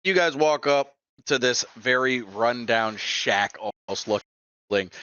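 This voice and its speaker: A man's voice: mid-range voice, slow, sharp tone, smooth, no echo. A man narrating a tabletop game as its game master, loose and casual, laughing often. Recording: dull, lo-fi and dry.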